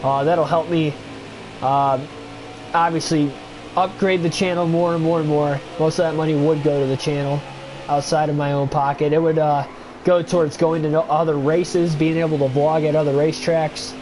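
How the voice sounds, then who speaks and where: Thinking aloud with many fillers such as "uh" and "like," a stuffy-nosed young gaming livestreamer rambles through casual chat with viewers and race commentary. His voice is slightly high for a man, and a constant hum runs under the home recording.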